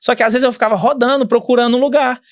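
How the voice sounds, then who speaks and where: A man's voice: extremely high pitch, steady tone, rapid-fire. A man with a Brazilian Portuguese accent, a podcast guest telling a rambling travel story with many restarts. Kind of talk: casual interview.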